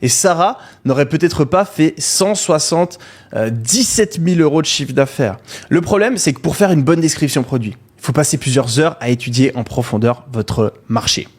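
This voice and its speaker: A man's voice: fairly high pitch, normal speed. A man hosting a live online course, talking energetically to viewers in the chat, with frequent hesitations. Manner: excited, calls out to viewers; many fillers and hesitations. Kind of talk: energetic live webinar pitch.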